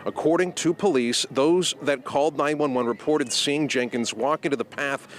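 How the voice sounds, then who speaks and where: A male field reporter delivers a live news report outdoors in a measured, formal way. Faint traffic noise sits behind him. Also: fairly high pitch. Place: outdoors at a scene.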